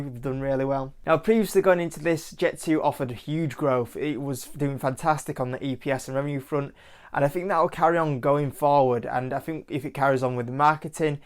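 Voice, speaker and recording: A man's voice: mid-range voice, clear, resonant tone. A man with a Yorkshire accent hosting his own investing channel, talking casually and loosely through stock picks. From Yorkshire, England. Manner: loose, chatty, leans on "like" and "kind of". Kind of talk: casual stock-picking talk to camera.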